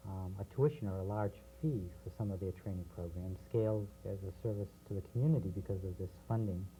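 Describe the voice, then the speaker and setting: A man interviewing guests on community TV, asking steady questions with a few fillers, heard from a worn VHS tape copy. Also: deep voice, fast talker. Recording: worn VHS tape, thin and phone-like with faint hiss.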